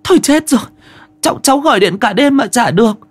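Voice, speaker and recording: A man's voice: extremely high pitch, lively intonation, fast, husky, pitched above the performer's own voice, heavily acted. A man voicing a panicked young village wife, wailing and frantic.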